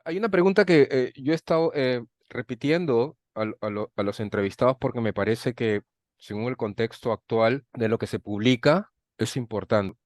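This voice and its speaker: A man with a mid-range voice works as an interviewer, framing questions formally and deliberately. His delivery is measured, and the recording is dry with little room sound. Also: medium pitch, darkish tone, no room sound.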